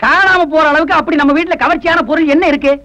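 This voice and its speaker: A poor middle-aged village father who makes his living as a folk performer. His voice is bright and high, and he talks in quick, wry bursts even when he is hurt. He sounds like a worn-down family man with a sharp tongue. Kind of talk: TV drama acting.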